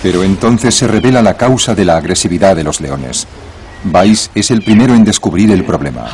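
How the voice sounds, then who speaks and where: A man's voice: deep voice, lively intonation, moderate pace, a little mellow, a little hiss or hum. A man reading scripted narration for a nature documentary. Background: music bed.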